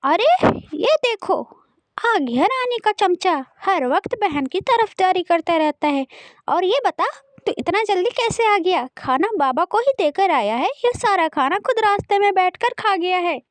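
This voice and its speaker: A woman voicing a cruel, scornful stepmother who scolds in a shrill, nagging way. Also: expressive, unhurried, no room sound. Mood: harsh.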